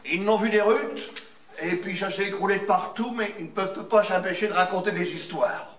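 Actor reading prose aloud on stage, high voice, slow and weighty, roomy hall. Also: male voice, fairly bright tone. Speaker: actor giving a public reading. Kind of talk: literary reading and storytelling. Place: large event hall. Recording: echoey hall, distant mic.

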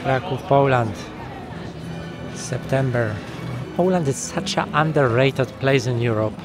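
A medium-pitched man talks at a measured pace as he vlogs his travels through a city market and old town, music in the background. Chatty and joking, he is easily impressed, and his casual commentary is recorded on a small handheld camera mic.

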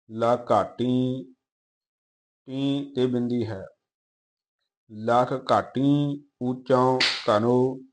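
Slow, flat-toned man reciting scripture. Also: mid-range voice. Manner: measured chanting recitation, quick quieter asides. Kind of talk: slow recitation with pronunciation notes.

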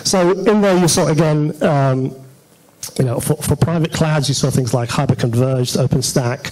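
On an auditorium stage at a meetup, a man gives an informal technical talk as a conference speaker, sounding conversational and hesitant. His voice sits on the high side with a darkish tone at a moderate pace, and the recording is rough.

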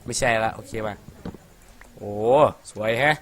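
A young Thai man provides rowdy, profane let's-play commentary, chattering playfully and laughing a lot as he games. His voice is fairly bright and his pace slow.

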